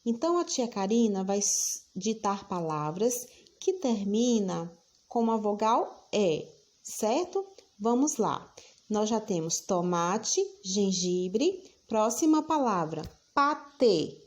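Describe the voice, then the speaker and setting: A woman teacher, giving a recorded lesson for children and dictating words slowly, repeating each one. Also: medium pitch, animated, darkish tone.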